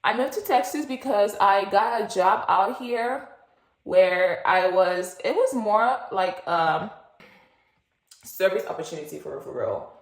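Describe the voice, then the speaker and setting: A woman's voice: mid-range voice, expressive, a little slow. Twenties woman from Nigeria, chatty vlogger who rambles, recorded with room echo. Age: 20s. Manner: rambling, chatty, lots of fillers and asides. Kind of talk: casual chat, get-to-know-me story. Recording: echoey room.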